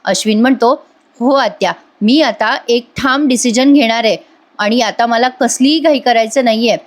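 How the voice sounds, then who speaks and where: High-voiced woman recapping a serial. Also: moderate pace. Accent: Marathi. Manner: chatty, addresses the viewers directly. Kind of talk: retelling a TV episode with voiced quotes.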